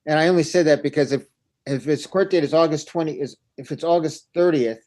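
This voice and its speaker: A man's voice: on the high side, brisk, a little mellow. A man working as an attorney, arguing formally and deferentially before a judge in court. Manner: formal and deferential, repeating "Your Honor". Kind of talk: courtroom argument.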